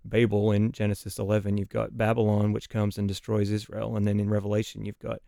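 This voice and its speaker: A man, a guest on a podcast, explaining scripture in a thoughtful, measured way, pausing and restarting as he works through his points. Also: lowish voice, monotone, gravelly, warm tone, no echo, studio quality. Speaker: podcast guest, Bible teacher.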